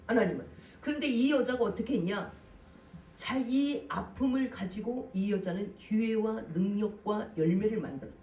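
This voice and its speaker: A pastor delivering a Sunday sermon with lively swings between loud and soft, posing rhetorical questions to the congregation. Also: mid-range voice, a little hiss or hum. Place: church sanctuary. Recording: roomy hall from a distant mic, faint ambience.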